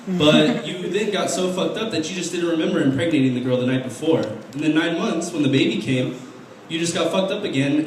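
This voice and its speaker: A young man performing an open mic stand-up set, deadpan and halting, with restarts and fillers. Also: fairly high pitch, slight background noise. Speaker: stand-up comedian. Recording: very echoey room heard from a distance.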